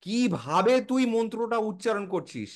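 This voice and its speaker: A man talks informally to a close friend, explaining a subject at length. His voice sits high and swings widely in pitch. He keeps asking rhetorical questions and then answering them himself. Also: big pitch swings, moderate pace. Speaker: explainer in a casual chat. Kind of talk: casual explanatory chat.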